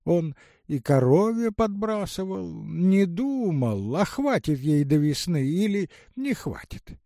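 A man voices a meek old village woman, plaintive and worn out, in a soft, mellow, gravelly voice. He reads slowly. The recording is dry. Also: high-pitched, big pitch swings, no room sound, exaggerated voice. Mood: complaining. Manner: plaintive, weary.

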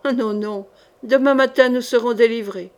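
A woman reading an audiobook, voicing Bruscaille, a rough male henchman who talks loud and blustering. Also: fairly high pitch, steady tone, moderate pace, close to an everyday voice. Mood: mocking.

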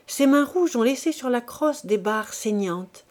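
A woman's voice: a little high, animated, unhurried, a little mellow. A woman voicing a haunted, furious old madwoman who cries out and raves in a singsong. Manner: wild cries and singsong ravings.

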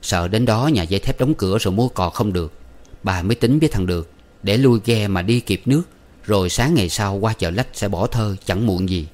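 A man narrates an audiobook. His voice sits fairly low, and he reads in a steady, even storytelling manner. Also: fairly quick.

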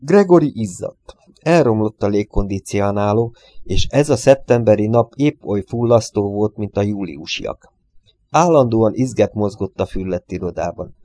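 Deep, mellow male audiobook narrator. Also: animated.

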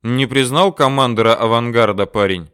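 A man voicing a calm, terse male deserter commander who talks low and dry. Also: normal speed, clean tone, natural voice.

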